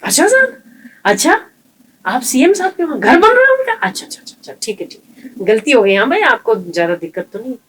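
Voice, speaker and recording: Fawning, panicky male officer, put on by a woman preacher; high, fast, apologetic. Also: big pitch swings, fairly bright tone, slightly rough, full character voice, low-quality recording. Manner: rapid, flustered, placating.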